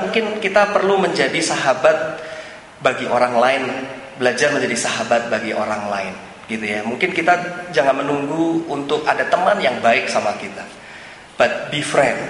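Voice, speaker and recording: A man's voice: medium pitch, fairly bright tone, slight background noise. Man preaching in an echoey hall. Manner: conversational preaching, sprinkled with English phrases. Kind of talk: sermon. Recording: echoey hall with long reverb.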